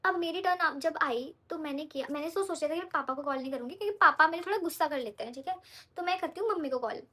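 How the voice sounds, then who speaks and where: A woman's voice: high voice, fast, pushed and bright. A young woman vlogger telling a story in a casual, chatty way while doing her makeup, often checking in with her viewers.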